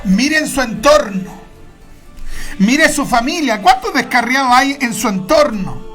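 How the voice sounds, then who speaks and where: A woman preaching a sermon, emphatic and repetitive, stretching key words and now and then bursting into shouts. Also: high voice, expressive, measured pace, faint music behind.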